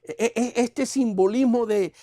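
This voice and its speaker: A male pastor teaching a Bible seminar, asking rhetorical questions and swinging between loud and soft. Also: extremely high pitch, a little slow, no echo, clean studio sound. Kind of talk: sermon.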